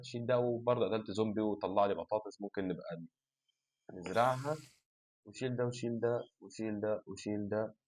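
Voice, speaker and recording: A man's voice: medium pitch, darkish tone. A young man with an Egyptian accent hosting a let's play. He chats with his viewers and thinks aloud while he sorts through his items. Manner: chatty, addresses viewers as a group. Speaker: gaming channel host. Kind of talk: let's play game commentary.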